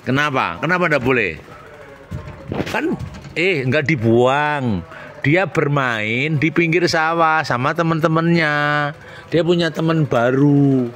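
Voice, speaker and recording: A man, chatting gently with a young child and coaxing answers with questions. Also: on the high side, slow, a little hiss or hum. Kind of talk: casual chat with a child.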